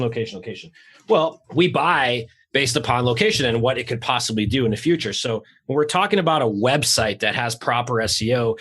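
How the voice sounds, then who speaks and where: An energetic man hosting a podcast, talking fast, loose and unpolished, with the odd swear. His voice sits in a middle pitch, and he comes through a remote call. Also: husky. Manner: fast, raw and excitable, with casual swearing. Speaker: podcast host. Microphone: remote call recording.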